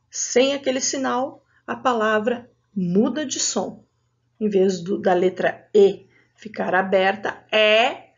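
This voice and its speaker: A woman teacher with a Brazilian Portuguese accent giving a patient, clearly articulated lesson to adult students, spelling out sounds. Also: on the high side, dull audio.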